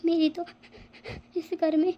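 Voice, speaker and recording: A high-voiced, bossy mother-in-law in a cartoon family squabble. She taunts and threatens her daughters-in-law in a scolding, sharp-tongued way. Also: level tone, slow pace, dull audio. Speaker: voice actor. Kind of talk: cartoon family drama acting.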